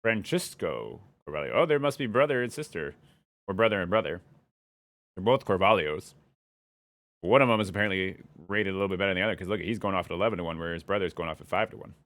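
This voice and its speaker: A young man chatting casually on a live stream, rambling and thinking out loud as he follows his curiosity. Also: sits low, expressive, fast talker, no echo.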